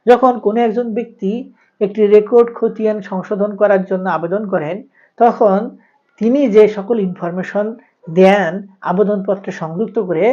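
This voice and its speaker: A man from Bangladesh, hosting a channel and explaining land records law in a formal, measured monologue. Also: sits high, warm tone. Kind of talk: informative monologue. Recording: dull lo-fi recording.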